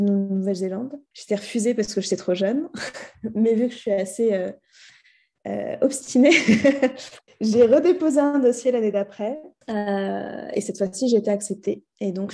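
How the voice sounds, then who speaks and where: A woman in her thirties speaks as a podcast guest. Her voice is warm and mellow, and she talks casually, often hesitating and starting her sentences over. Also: mid-range voice. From France. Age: 30s. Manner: hesitant, many fillers and restarts. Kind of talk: casual interview.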